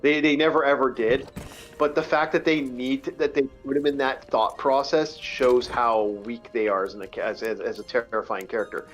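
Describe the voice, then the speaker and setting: A man's voice: mid-range voice, steady tone, normal speed, soft background music. A man casually chatting about fantasy games on a live stream, rambling and swearing freely. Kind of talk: casual chat while gaming.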